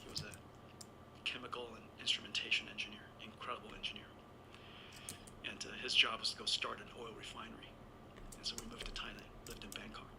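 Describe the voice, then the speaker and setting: Man, sixties, from Taiwan, gravelly, rambling anecdotes, heavy background noise. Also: fairly low pitch, little pitch movement, fast talker. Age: 60s. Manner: rambling, anecdotal, with self-corrections. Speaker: interview guest. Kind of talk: conversational storytelling.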